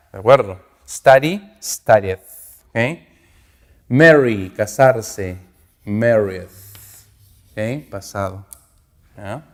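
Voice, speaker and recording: Man, English teacher, patient step-by-step explaining, hall reverb. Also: lowish voice. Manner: explains slowly, checking with "ok?" after each point. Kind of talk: recorded grammar lesson.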